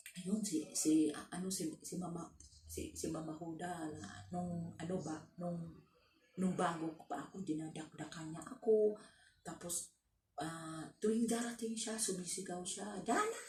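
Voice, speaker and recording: A woman's voice: lowish voice, a little mellow, slight background noise. A woman from the Philippines who works abroad as a domestic helper, telling her story casually with many restarts and fillers. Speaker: overseas domestic worker. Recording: roomy, from a distance.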